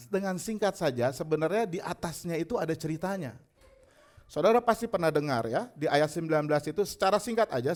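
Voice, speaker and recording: Animated preaching man, fairly high voice. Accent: Indonesian. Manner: conversational preaching, animated retelling with character voices. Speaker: pastor. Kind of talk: sermon.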